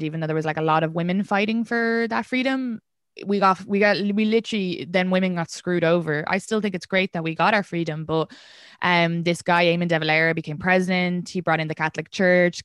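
A young Irish woman talks in a loose, conversational way, swinging from quick asides to slower points. Her voice sits on the low side. It is recorded close and dry, with no room sound. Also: clear, resonant tone, no echo. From Ireland. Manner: chatty, animated storytelling with laughs. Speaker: stand-up comedian, podcast guest. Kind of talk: casual conversational chat.

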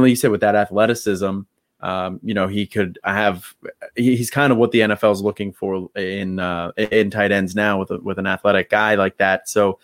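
A man's voice: fairly low pitch, dry recording, clean studio sound. A man co-hosting a podcast in a casual sports analysis chat, talking in a hesitant way with lots of fillers. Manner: hesitant, leans heavily on "you know" and "um". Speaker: podcast co-host.

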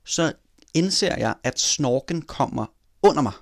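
A man in casual chat telling a personal story in an animated way, swearing casually. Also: medium pitch, gravelly, no room sound, studio quality.

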